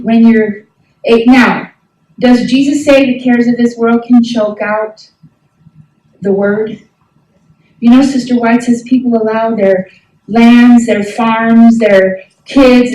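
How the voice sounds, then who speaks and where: A middle-aged woman teaches a class in an emphatic, folksy way and keeps asking her listeners questions. Her voice is soft and mellow. She sounds a little distant from the mic, in a room with plenty of echo. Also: on the high side. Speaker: health ministry instructor.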